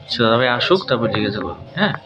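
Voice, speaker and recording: A woman's voice: a bass voice, very animated, very fast. A woman filming a casual family vlog, questioning a child in a playful, teasing way. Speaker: vlogger. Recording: dull lo-fi sound with loud background music.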